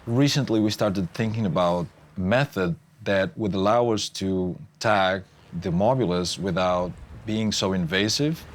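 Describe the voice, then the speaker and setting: A man's voice: sits low, a little slow, hardly any pauses, a little hiss or hum. A man speaking as a marine researcher, explaining his work in an unscripted nature documentary interview. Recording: clear music under the voice. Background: music.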